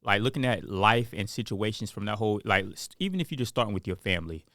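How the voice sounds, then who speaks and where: Rambling low-voiced man in casual chat. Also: lively intonation, quick pace, a bit bright, no room sound, studio quality. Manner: rambling, heavy on fillers like "like" and "um". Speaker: podcast co-host.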